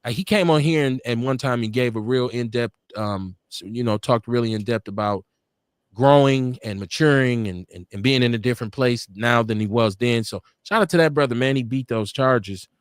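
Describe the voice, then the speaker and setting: This podcast co-host, a man with a clear, resonant mid-range voice at a moderate pace, rambles through stories during a casual home studio livestream, frequently laughing and self-correcting. The recording is dry and cleanly studio-sounding.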